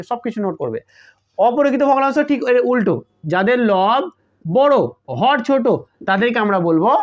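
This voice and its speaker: Man explaining math step by step, keeps asking if you got it, high voice, kinda muffled audio. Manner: explains step by step, repeats key terms, checks "got it?" often. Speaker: math teacher. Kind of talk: online exam-prep math lesson.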